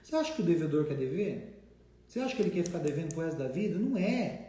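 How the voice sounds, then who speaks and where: A Brazilian man giving a casual, animated talk as a debt collection trainer, acting out debtors now and then. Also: on the high side, racing, faint music behind. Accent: Brazilian Portuguese. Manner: animated, acts out debtor's voices. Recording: very echoey room.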